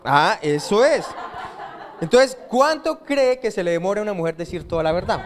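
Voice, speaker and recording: A man's voice: high voice, expressive, moderate pace, a little hiss or hum. A man preaching a sermon in a church, asking the congregation questions and answering them himself. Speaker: pastor.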